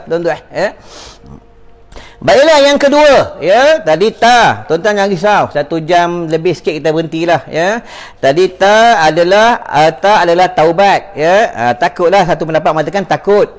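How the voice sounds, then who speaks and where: A man with a Malaysian Malay accent giving a religious lecture, repeating phrases and calling out to his listeners. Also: sits high. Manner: preachy, repeats phrases, addresses audience as tuan-tuan. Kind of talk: sermon.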